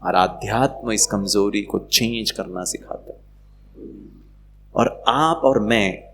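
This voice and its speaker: A man giving a playful, animated spiritual talk to a live audience, acting out quoted voices. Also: fairly low pitch, slow pace, a little hiss or hum. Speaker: spiritual speaker.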